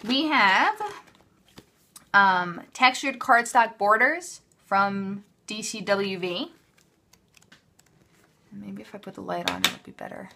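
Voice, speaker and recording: Speaking slowly with vocal fry and long pauses, this woman has a medium-pitched, sharp-toned voice, and a faint hiss or hum sits under the recording. She's a craft haul vlogger at a craft table indoors, chatting offhandedly in an unscripted show-and-tell. She keeps cutting herself off as she holds up items.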